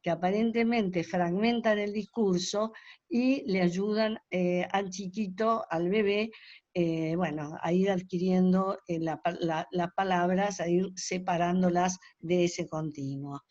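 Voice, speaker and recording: A woman's voice: on the low side, steady tone, a little slow, darkish tone, no echo. An older woman giving a webinar lecture, explaining at length with many hesitations and fillers. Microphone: video call. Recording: dull dry video call audio.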